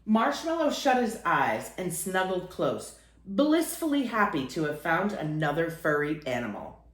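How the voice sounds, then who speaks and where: Reading a picture book to small children a little slowly, she sounds animated and expressive, with plenty of pitch variation. The room adds an audible echo to her voice.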